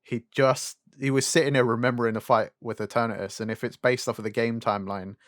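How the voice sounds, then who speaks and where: A man's voice: medium pitch, steady tone, fast, a bit bright, dry recording, clean studio sound. A young man co-hosting a casual, sweary chat, griping and asking rhetorical questions. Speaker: podcast co-host. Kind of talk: casual chat about animation and games.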